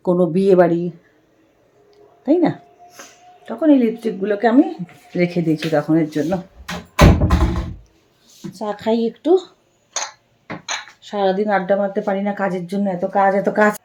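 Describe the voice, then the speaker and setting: A woman's voice: mid-range voice, darkish tone. A middle-aged woman, chatting and confiding to her viewers at home, repeating herself as she talks. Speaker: lifestyle vlogger. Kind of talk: casual chat to viewers. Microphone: camera set far away.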